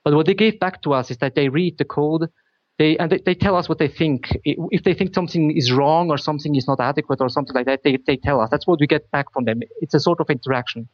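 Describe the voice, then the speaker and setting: A man from Switzerland, native in Swiss German, answering technical questions in English with a slightly higher voice than most men. His audio is dull and lo-fi, with almost no room sound. He chooses his words carefully and repeats himself as he thinks. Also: fast, no room sound. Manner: careful, repeats words while searching for phrasing. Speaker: company founder, guest.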